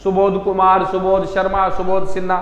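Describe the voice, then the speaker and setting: A man teaching an English lesson, explaining slowly and repeating key points for emphasis. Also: high-pitched, completely flat delivery, a bit bright, roomy sound, long reverb tail, dull audio, a little hiss or hum. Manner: slow, repetitive explaining with frequent emphasis. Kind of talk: classroom lesson.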